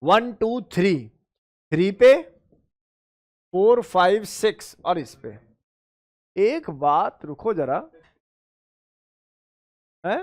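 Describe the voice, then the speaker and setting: A chemistry teacher, a man with a high voice, runs a lively exam-prep lecture. He drills his students by counting positions aloud and calls them beta and bhai, and his comes through on the technical terms. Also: extremely slow, long pauses. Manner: addresses students as beta and bhai, asks and answers his own questions.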